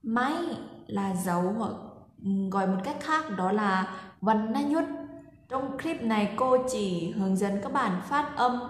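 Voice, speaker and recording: A woman's voice: mid-range voice, expressive, a little slow, slight background noise. A woman language teacher giving a pronunciation lesson, patiently saying each example syllable three times for learners to repeat. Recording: echoey room with long reverb.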